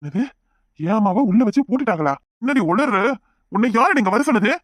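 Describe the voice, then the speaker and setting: A man voicing an impatient young village husband in a cartoon, with a Kanyakumari Tamil accent and a brisk, exasperated manner. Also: high voice, lively intonation, fairly bright tone, no echo. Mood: irritated. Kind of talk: cartoon voice acting.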